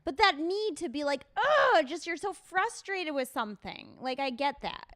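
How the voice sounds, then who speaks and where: A woman's voice: high-pitched, sing-song, moderate pace, fairly bright tone, no room sound, studio quality. A woman comedian as a podcast guest, chatting playfully and laughing easily. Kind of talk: casual chat.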